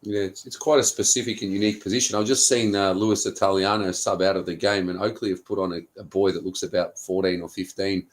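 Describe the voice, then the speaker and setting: A man co-hosts a football talk show, asking questions and adding commentary. He speaks in a measured, slightly hesitant way, with a low voice. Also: steady tone. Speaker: co-host.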